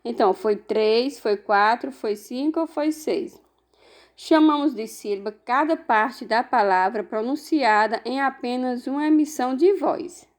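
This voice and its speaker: A woman with a Brazilian Portuguese accent, teaching young children a remote lesson, explaining each step slowly and patiently. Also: a little high.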